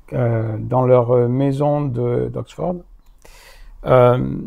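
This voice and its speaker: In a lecture hall, a male lecturer speaks live to an audience in a slightly high, slightly mellow voice with vocal fry. He hesitates frequently, using many fillers, restarts and self-corrections.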